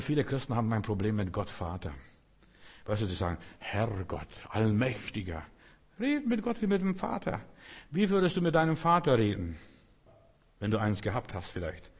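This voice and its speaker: A man's voice: lowish voice, lively intonation, moderate pace, breathy edge. A man preaching a sermon, emphatic, repeating key phrases and acting out the voices he quotes. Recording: long hall reverb.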